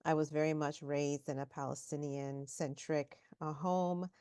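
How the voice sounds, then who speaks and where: A woman in her forties from the United States, speaking steadily and deliberately about her upbringing. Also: low voice, steady tone, mellow, smooth, dry recording, clean studio sound. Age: 40s. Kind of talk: reflective personal account.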